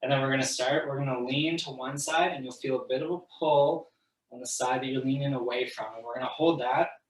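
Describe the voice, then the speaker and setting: A man leading an online stretching class, casual and encouraging, counting each hold out loud. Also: medium pitch, steady tone, brisk, distant mic. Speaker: fitness instructor. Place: room, moving away from the mic while standing. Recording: echoey room, voice from off the mic.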